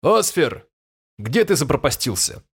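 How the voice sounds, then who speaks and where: A man's voice: mid-range voice, very animated, unhurried, fairly bright tone, slightly rough, voice pushed up, full character voice. A man voicing a grumpy, drowsy fairy king who speaks in an irritable, drawling way.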